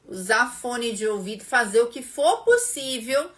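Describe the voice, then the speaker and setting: A Brazilian woman hosts a casual live lesson, her voice bright and a little high. She takes her time, speaking slowly and chatting directly with viewers by name between explanations. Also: lively intonation. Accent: Brazilian Portuguese. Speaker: English teacher and live-stream host.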